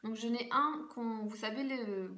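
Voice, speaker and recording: A woman's voice: fairly high pitch, measured pace, a bit bright. Chatty French woman, echoey room. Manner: chatty, rambling, many fillers. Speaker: beauty vlogger. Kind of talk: casual haul video chat. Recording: echoey room with faint noise.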